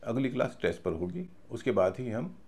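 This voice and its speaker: A man's voice: medium pitch, sing-song, fairly quick, darkish tone. A man teaching English pronunciation in a video class, talking patiently and methodically and spelling out words letter by letter. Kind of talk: video lesson lecture.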